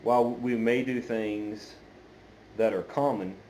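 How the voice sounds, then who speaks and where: A man's voice: mid-range voice, steady tone, darkish tone, a little hiss or hum. A man chatting casually to viewers as a video host, hesitant and meandering, on an amateur phone recording. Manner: hesitant, meandering, halting delivery. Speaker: pipe-smoking video channel host. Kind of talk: casual unscripted chat to viewers.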